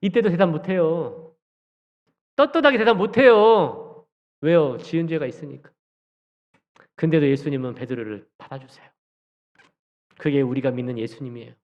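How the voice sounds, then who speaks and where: A man's voice: fairly high pitch, moderate pace, long pauses. A man preaching a sermon in a church, questioning his listeners and acting out quoted lines. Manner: animated, acts out quoted dialogue, asks the congregation questions. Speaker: junior pastor. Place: church sanctuary. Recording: dull church hall recording with long reverb.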